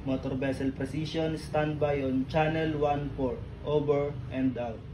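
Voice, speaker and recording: Man acting as port control on the radio, businesslike, really flat tone, noisy background. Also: a little high, natural voice. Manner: measured, formulaic questioning in radio procedure. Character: formal, businesslike port traffic control operator. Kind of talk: formal scripted maritime radio exchange.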